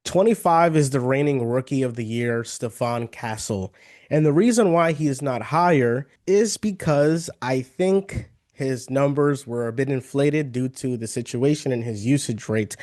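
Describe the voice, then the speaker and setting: A young man co-hosting a casual sports podcast, laying out his picks in a measured, hedging way. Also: mid-range voice, a little mellow. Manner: measured, hedging takes with fillers. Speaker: podcast co-host.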